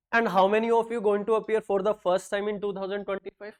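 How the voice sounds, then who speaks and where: A middle-aged, Hindi-speaking man from North India teaches a classroom lecture, his North Indian accent carrying joking asides and quick switches from English into Hindi. The voice is high-pitched, smooth, and a little mellow.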